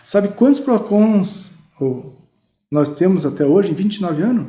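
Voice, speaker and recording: A middle-aged Brazilian man with a Brazilian Portuguese accent, guesting as a mattress salesman, tells lively anecdotes full of fillers in a casual storytelling interview. His voice is high and dark-toned, and his pace is measured. The roomy podcast studio gives the sound an echo.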